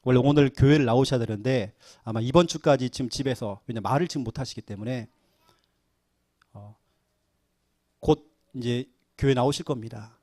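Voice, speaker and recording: A middle-aged man, a pastor, preaching a sermon and telling stories with lively acted-out quotes. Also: mid-range voice, normal speed, long pauses, no echo, clean studio sound. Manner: animated storytelling, acting out quoted voices.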